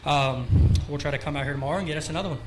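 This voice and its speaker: A man's voice: fairly high pitch, racing, heavy background noise. A man who just won a race, out of breath, rambling loosely in a post-race interview with lots of fillers at an outdoor dirt track. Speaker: winning race driver.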